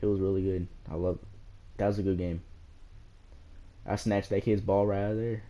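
A young man giving loud, hyped, slangy commentary over his own basketball gameplay as a channel host. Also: sits low, flat delivery, moderate pace, highs cut off. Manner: hyped, shouting bursts, slangy trash talk.

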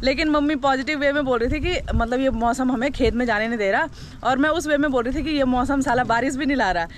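A young woman from Uttarakhand talks in a bright, high voice, chatty and teasing as she vlogs. Her phone picks up some outdoor noise behind her. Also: fast. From Uttarakhand, India. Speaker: vlogger. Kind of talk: casual vlog narration. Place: village outdoors.

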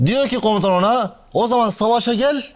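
High-pitched man telling a religious tale. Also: fast. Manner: animated storytelling, acting out dialogue with shifting pitch; addresses listeners directly by name. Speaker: preacher. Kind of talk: storytelling religious talk.

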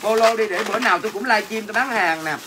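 A man's voice: high-pitched, racing. A man with a Southern Vietnamese accent selling snacks in a comic livestream, teasing viewers and brashly answering their comments. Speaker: livestream seller. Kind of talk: comic livestream sales banter. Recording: noisy with clattering dishes.

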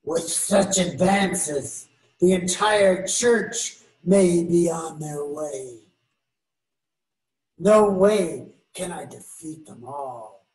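An older man playing the Devil as a deliberate, outnumbered schemer in amateur readers theater, heard through a distant roomy mic. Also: a little high, darkish tone. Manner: deliberate, theatrical archaic speech. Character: the Devil, male, outnumbered and retreating.

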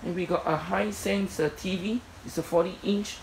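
Man with a creaky voice listing storage contents. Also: high voice, fairly even intonation, normal speed, slight background noise, rough recording. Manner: plain, matter-of-fact listing with many fillers. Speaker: storage unit seller. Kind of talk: walkthrough commentary. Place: indoor storage unit. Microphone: phone camera held in hand.

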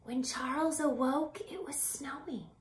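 A teacher in her thirties, high-voiced, shares a picture book with little ones, reading slowly and animatedly with long, drawn-out words, hushed whispers, and small asides to the kids. She's in a small home room near a window, captured by a camera mic with a roomy echo.

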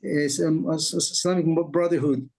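A middle-aged man from Israel with an Israeli accent, a pastor speaking as an interview guest over a video call, earnest and halting with frequent fillers. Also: a little high, fairly even intonation, gravelly, darkish tone, rough recording. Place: home office, indoors. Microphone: video call webcam.

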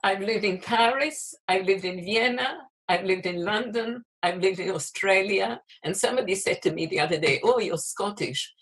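Wry older woman, husky voice. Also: mid-range voice, normal speed, poor audio. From Palestine. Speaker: retired social worker. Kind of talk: personal testimony.

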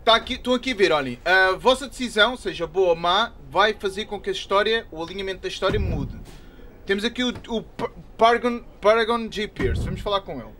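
A young man with a European Portuguese accent giving excitable, trash-talking commentary while playing a wrestling game. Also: high-pitched, brisk, a little hiss or hum. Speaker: gaming YouTuber. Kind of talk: live gameplay commentary.

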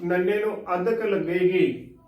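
A man's voice: high-pitched, a little slow, reverberant, recorded from a distance, highs cut off. A man with a Punjabi accent teaching correct pronunciation of scripture, patiently spelling words letter by letter and repeating the right form. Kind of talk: recorded instructional lesson.

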